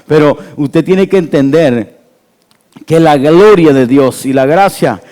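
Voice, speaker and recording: A male pastor, preaching an animated sermon with call-and-response to his congregation. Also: a little high, slow. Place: church hall. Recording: church hall with long reverb.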